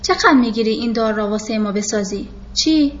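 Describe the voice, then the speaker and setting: A woman's voice: fairly high pitch, highs cut off, slight background noise, natural voice. A woman voicing a bossy male police captain who speaks in curt commands, in a storybook reading. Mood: brusque.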